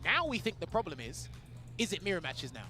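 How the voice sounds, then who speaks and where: A man's voice: sits high, very animated, pushed and bright. A man giving live play-by-play commentary on a fighting game tournament, breaking down tactics at length. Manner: fast, analytical, explains tactics at length. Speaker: esports commentator. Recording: tournament broadcast with music underneath. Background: music.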